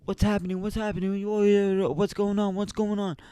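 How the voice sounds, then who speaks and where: A man's voice: high voice, level tone, fairly quick, dark tone, smooth, voice pushed up, lightly acted. A man doing frantic panicked parents. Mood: frantic alarm. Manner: frantic, repeating questions.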